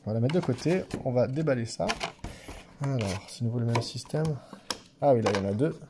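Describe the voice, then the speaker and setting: A man with a mid-range, expressive voice talks briskly over very noisy surroundings in an office while opening card packs for his channel. His casual unboxing commentary is chatty and hesitant, with repeated words, a slight stammer, a non-standard French accent, and frequent direct address to viewers.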